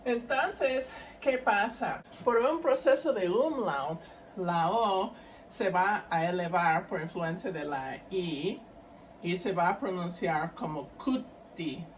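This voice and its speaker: A woman's voice: lowish voice, slow pace. A woman lecturing on historical linguistics, patiently explaining each step and checking in with her listeners. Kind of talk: academic lecture. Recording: distant mic with faint noise.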